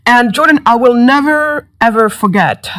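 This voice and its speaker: A woman from Senegal, a guest in an interview, telling her life story in a lively, animated way, her voice rising when she gets excited. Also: a little high, normal speed. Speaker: entrepreneur guest.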